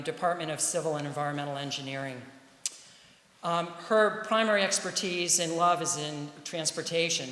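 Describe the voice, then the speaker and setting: A man's voice: on the high side, fairly bright tone. A man moderating an event, introducing a speaker in a casual, hesitant way with fillers. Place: event hall. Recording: echoey hall with faint hiss.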